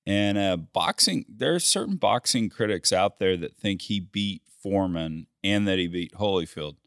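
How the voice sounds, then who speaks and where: A man's voice: low voice, expressive, moderate pace, fairly bright tone, no room sound, studio quality. An older man hosting a podcast, chatty and folksy, telling stories and laughing easily. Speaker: podcast host. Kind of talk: casual podcast chat.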